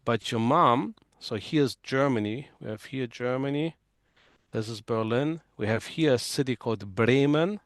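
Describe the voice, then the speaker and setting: Slow, hesitant male interview host. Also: medium pitch, dry recording, clean studio sound. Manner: hesitant, filler-heavy, thinking aloud. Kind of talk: friendly live interview.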